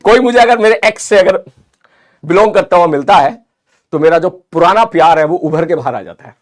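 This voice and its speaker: A high-voiced man with an Indian accent teaches physics in a live online class. He's animated, talking quickly and energetically, and stays chatty and encouraging while reading out students' messages.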